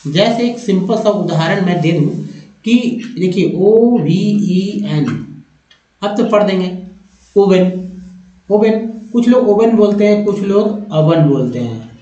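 A man's voice: sits high, lively intonation, measured pace, mellow. A man teaching English pronunciation, explaining step by step, repeating each word and addressing viewers as friends. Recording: echoey, dull lo-fi room recording.

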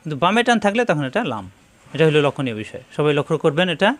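A Bangladeshi Bengali-accented man teaching Quran reading, explaining Arabic letter shapes and repeating each letter sound slowly, several times over. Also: fairly high pitch, very animated, fairly bright tone. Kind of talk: lesson on recognising Arabic letters.

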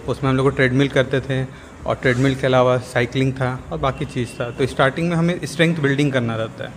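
A young man, a gym member, explaining things on camera in a steady, instructive way, mixing English words into his talk, recorded on a lapel mic in an indoor gym. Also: medium pitch. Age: young adult. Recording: reverberant gym with faint ambient noise.

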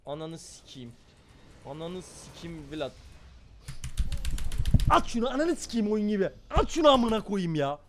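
A man streaming a game live, talking to his chat in a brash, excitable, foul-mouthed way. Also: high voice, a little slow, long pauses, background noise. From Turkey. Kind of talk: live gaming stream commentary.

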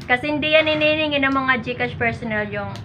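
A woman's voice: high-pitched, quick pace, noisy background. A young Filipino woman chatting casually for a vlog, recorded on a phone at arm's length. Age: young adult. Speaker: vlogger, student researcher. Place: open room of a simple house with others around.

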